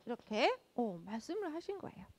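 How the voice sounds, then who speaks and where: Lively woman preaching to children. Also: a little high, brisk. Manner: addresses children directly with frequent rhetorical questions; acts out children's speech in quoted lines. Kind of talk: children's sermon. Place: church.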